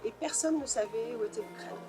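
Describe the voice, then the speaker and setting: Thoughtful woman novelist with music behind. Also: fairly high pitch. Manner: thoughtful, pauses to search for words. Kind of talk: interview answers.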